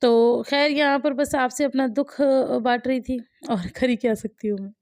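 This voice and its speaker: Chatty mother vlogging, mellow voice. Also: high-pitched, steady tone, normal speed, no echo, studio quality. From India. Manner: chatty, laughs often, wry self-mocking. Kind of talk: casual voice-over chat.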